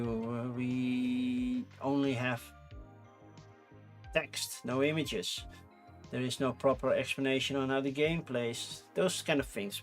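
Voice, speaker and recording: A native Dutch speaker with a Dutch accent chats casually on his own channel in a medium-pitched, fairly bright voice. He rambles, corrects himself often, and leans on frequent fillers throughout the solo talk.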